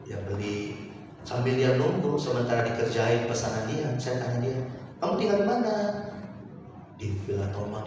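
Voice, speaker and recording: A man preaches a sermon, moving from a chatty anecdote to loud, climbing exhortation. His voice carries from a distance through a long, reverberant hall. Clear background noise sits under the recording. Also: lowish voice. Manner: storytelling, rising to loud exhortation. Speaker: pastor. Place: large church hall. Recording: echoey hall from far off, noisy.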